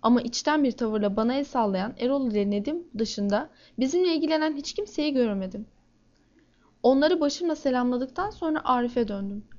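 A woman reading a first-person crime novel aloud in a steady, measured way. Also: high voice, lo-fi sound. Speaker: audiobook narrator.

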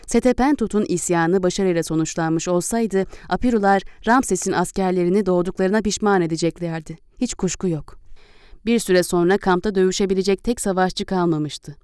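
A woman reading a historical novel aloud as an audiobook narrator, in a measured, deliberate way. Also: on the low side, darkish tone, clear, resonant tone, dry recording, studio quality.

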